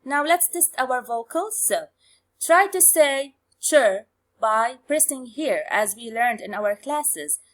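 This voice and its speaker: A woman teaching English phonics in a bilingual lesson. She explains slowly and repeats key terms. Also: high voice, lively intonation, fairly bright tone. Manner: slow, repetitive explanation, switching to quick colloquial Arabic recaps.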